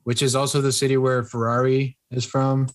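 A young man in casual podcast chat, slow and hesitant, reading facts aloud with pauses. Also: mid-range voice, little pitch movement. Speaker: podcast co-host.

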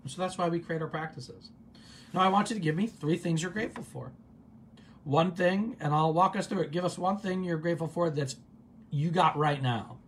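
A man hosting a guided gratitude practice on a livestream from his office, calm and unhurried, repeating words in a soft, low voice. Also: slight background noise. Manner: calm, drawn-out repetitions dropping soft and low. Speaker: meditation host.

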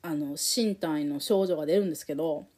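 A woman telling her own story in a candid, emotional and reflective way, with many pauses and fillers. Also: deep voice, darkish tone.

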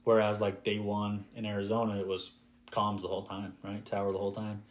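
A man in his twenties, a flight instructor and podcast guest, telling stories in a casual, lively way and acting out radio calls. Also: lowish voice, a little fast. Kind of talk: casual storytelling in conversation.

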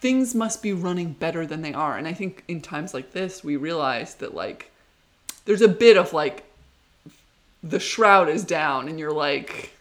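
Podcast co-host, chatty and enthusiastic, laughs easily, mid-range pitch. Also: expressive, a little slow. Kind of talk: casual chat.

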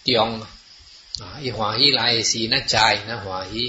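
A man's voice: medium pitch, moderate pace, pushed and bright. A man talking casually and at length, rambling along with many fillers and switching between languages. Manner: rambling, mixes in Chinese and English words, many "ah" fillers. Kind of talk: casual explanatory talk. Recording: muffled, roomy, noisy recording.

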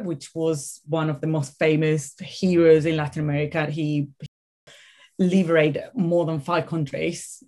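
A woman with a Venezuelan accent speaks as a guest in a conversational interview. Her voice sits a little low. She tells stories emphatically and often doubles back on her words for stress. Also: a little mellow. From Caracas, Venezuela. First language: Spanish. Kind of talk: conversational storytelling.

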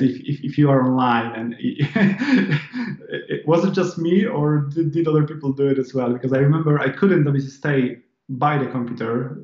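The reverberant, lo-fi recording captures a medium-pitched, darkish male voice. He's a Polish man in his thirties speaking accented English as a casual interview guest, rambling and starting over many times.

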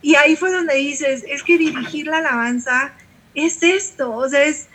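Bright, high-voiced Mexican woman. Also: normal speed. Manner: animated, vivid retelling with quoted dialogue. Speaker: pastor and singer, guest. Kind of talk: conversational storytelling interview.

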